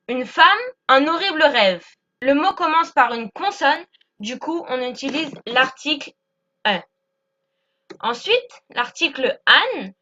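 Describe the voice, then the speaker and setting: A woman gives a patient grammar lesson, slowing down to spell out each example and asking if it's clear. Her voice sits high and sharp-toned. The recording sounds somewhat dull and lo-fi. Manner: patient, repeats examples slowly, checks with "d'accord?". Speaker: English teacher. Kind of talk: explaining English grammar lesson.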